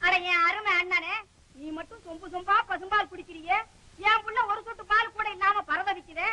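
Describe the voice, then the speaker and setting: An actress playing a sharp-tongued scheming aunt in an old film, taunting and scolding. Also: female voice, very high-pitched, fairly even intonation, a little fast, exaggerated voice. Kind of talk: 1960s film acting.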